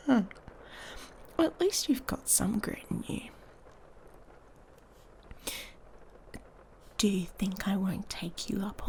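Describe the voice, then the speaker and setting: In an intimate ASMR roleplay, a woman plays an irritated, haughty female werewolf, taunting and seductive in a daring mood. She often whispers in a breathy, dark, mid-range voice over slight background noise.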